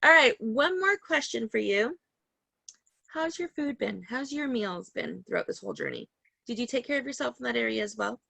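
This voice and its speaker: A woman's voice: fairly high pitch, expressive, moderate pace, vocal fry, sharp tone, no echo. A woman hosting a podcast over a call, talking in a chatty, rambling way and laughing often. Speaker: podcast host. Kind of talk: casual interview chat. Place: home call. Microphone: video call.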